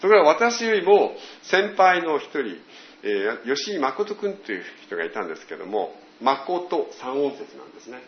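A man preaching a sermon as pastor, telling stories with animated voiced quotes. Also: mid-range voice, normal speed, echoey room, muffled recording.

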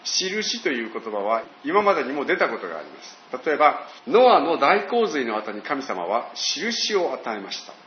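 An older man giving a slow, storytelling Bible talk as a pastor. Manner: slow, storytelling, with lively pitch. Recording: dull roomy recording with faint hiss.

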